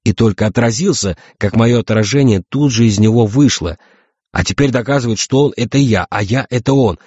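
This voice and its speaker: A man doing an indignant, excitable captain. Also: medium pitch, a little fast, breathy edge, dry recording, lo-fi sound, voice pushed up, close to an everyday voice. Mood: agitated. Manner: quarrelsome, exasperated, raised voice.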